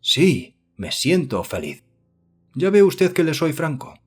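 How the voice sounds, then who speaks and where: A man voicing an earnest, excitable young idealist who speaks eagerly and effusively in an audiobook. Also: a little high, takes it slowly, slightly rough, soft background music, voice pushed up, full character voice.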